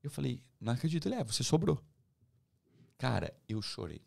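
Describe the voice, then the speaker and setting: Brief: Brazilian man, teacher guest, gravelly voice, lively storyteller who performs the dialogue. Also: medium pitch, brisk. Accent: Brazilian Portuguese. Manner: animated, acts out quoted dialogue. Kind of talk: personal testimony storytelling.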